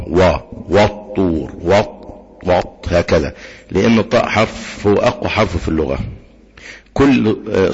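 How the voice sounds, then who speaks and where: A low-pitched man with an Egyptian accent teaches recitation, patiently quizzing his students and then answering himself. His voice is husky and the recording is dull and lo-fi, with a long hall reverb behind him. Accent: Egyptian Arabic. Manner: patient, asks the class questions and answers them himself; demonstrates recitation with slow drawn-out chanting. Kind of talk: tajweed lesson.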